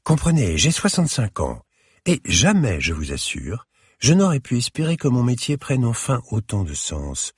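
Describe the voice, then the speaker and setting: A man reading aloud, voicing a refined sixty-five-year-old woman curator with a clear, slightly hissing voice and polite, formal manner. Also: mid-range voice, wildly swooping pitch, moderate pace, dry recording, clean studio sound, pitched above the performer's own voice, full character voice. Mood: courteous.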